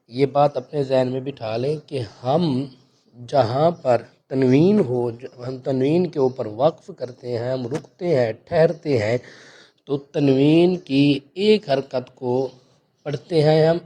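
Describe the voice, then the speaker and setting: Teaching Quran recitation in a warm, mid-range voice, a man walks his students patiently through every letter and rule, checking in with them as he goes. His recitation of the verses is slow, drawn-out, and chanted.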